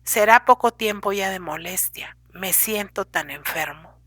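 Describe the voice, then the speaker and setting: A woman's voice: medium pitch, measured pace, fairly bright tone, husky, no room sound. A woman voicing an ailing older husband who scolds and pleads with his young wife, in an audiobook reading. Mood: pleading. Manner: lecturing, complaining, pleading.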